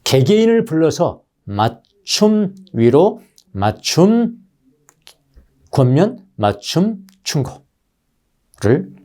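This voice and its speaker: Male pastor, Sunday sermon; mellow, warm voice that swings widely in pitch; talks straight to the pews. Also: extremely slow, long pauses. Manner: animated preaching, addresses the congregation directly. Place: church sanctuary.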